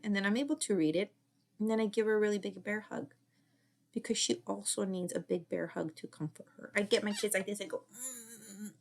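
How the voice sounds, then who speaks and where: A middle-aged woman, a former child therapist, giving casual advice in an earnest, repetitive way that often drops to a soft whisper. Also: mid-range voice, creaky. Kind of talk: casual advice talk to camera.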